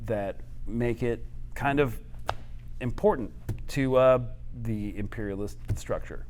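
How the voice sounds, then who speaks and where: A man speaking at a live event, answering audience questions in a fast, analytical way with many fillers and restarts. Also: mid-range voice, darkish tone, a little hiss or hum. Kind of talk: live Q&A talk.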